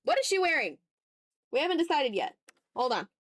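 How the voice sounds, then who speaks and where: A woman art streamer, very animated and a little fast, chats casually as she draws on a livestream and playfully teases her viewers with mock exasperation. Her voice is high-pitched with a fairly bright tone, and there's no room sound.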